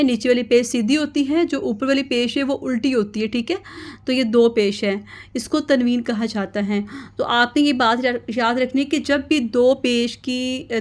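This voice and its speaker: Patient woman teaching letter sounds. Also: a little high. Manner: patient, drills letters repeatedly, mixes in English words. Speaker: Quran reading teacher for children. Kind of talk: slow instructional lesson, repeating sounds for children.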